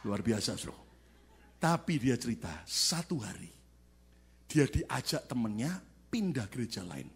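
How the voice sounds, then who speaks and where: A man preaching a sermon as pastor to a church congregation, asking questions and calling for answers, swinging from loud shouted peaks to quiet asides. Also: mid-range voice, sing-song, normal speed, slightly rough. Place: large church sanctuary.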